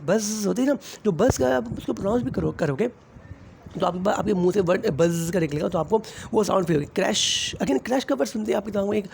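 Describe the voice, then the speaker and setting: Man, Pakistani Urdu accent, tutor, high voice, mellow dark tone, faint background noise. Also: vocal fry. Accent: Pakistani Urdu, mixing in English terms. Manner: addresses students as beta, repeats "theek hai" often. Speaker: teacher. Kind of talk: classroom explanation.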